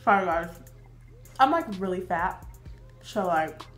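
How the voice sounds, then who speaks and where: A woman's voice: lowish voice, expressive, a little slow, reverberant, faint music behind. A 21-year-old woman chatting casually while eating for a mukbang vlog, with lots of fillers. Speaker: mukbang vlogger.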